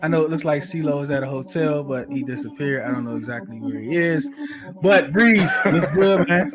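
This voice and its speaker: A man's voice: on the high side, expressive, normal speed. A male podcast host on a video call, chatting casually and teasing his co-hosts. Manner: playful, teasing banter. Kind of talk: casual sports chat.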